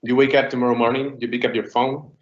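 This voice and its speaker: A man presents a startup pitch to listeners over a video call. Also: little pitch movement, fast talker. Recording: roomy, dull, noisy call with clicks.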